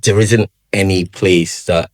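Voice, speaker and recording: Podcast guest: man from Nigeria, very deep voice, easygoing storyteller. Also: takes it slowly. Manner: relaxed storyteller, many fillers, laughs often. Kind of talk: casual conversation.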